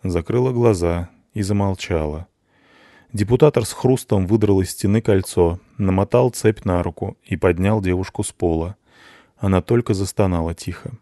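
A man narrating an audiobook in the first person, in an even, detached tone. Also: deep voice, normal speed, dry recording, studio quality.

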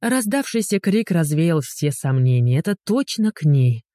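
A narrator reading a story in lively, expressive scripted narration. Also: medium pitch, a little slow, dry recording, clean studio sound.

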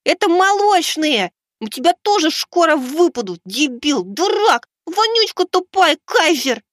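A man voicing a hot-tempered young schoolgirl with a lisp who shouts insults. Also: very high-pitched, big pitch swings, measured pace, dry recording, pitched above the performer's own voice, exaggerated voice. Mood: angry. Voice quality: lisping.

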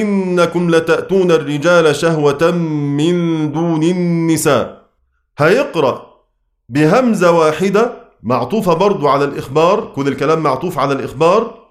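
Egyptian guy teaching quran readings, bit of a high voice, slow chanting then quick dialect explaining, keeps checking with students. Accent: Egyptian Arabic. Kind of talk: explaining qira'at verse text to students.

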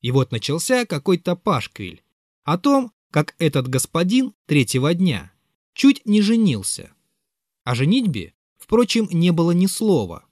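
Expressive man narrating a literary audiobook. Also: a little high, a little slow, no echo, clean studio sound. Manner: expressive, bitter confessional tone. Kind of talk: dramatic literary reading.

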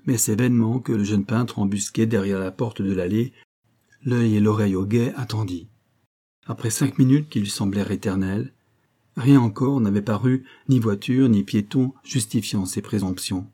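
A man narrating a classic novel as an audiobook, in a measured storytelling manner. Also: fairly low pitch, warm tone. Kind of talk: scripted literary narration.

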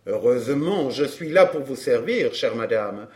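A man's voice: mid-range voice, expressive, a little slow, darkish tone, natural voice. A man playing a brash, chatty flirt. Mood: glib. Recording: roomy echo.

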